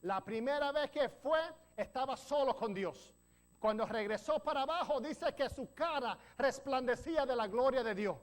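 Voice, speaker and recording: A man's voice: extremely high pitch, normal speed. Pastor, male, preaching a teaching sermon; quizzes the pews, jokes and corrects himself on the fly. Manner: teaching, checks in with the congregation; joking asides and self-corrections.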